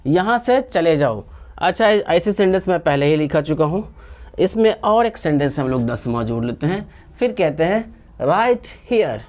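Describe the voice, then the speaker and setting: A Hindi-speaking woman with an Indian accent teaching spoken English, repeating each phrase slowly for learners. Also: sits low, animated, a little mellow. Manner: slow, drawn-out repetition of phrases for learners.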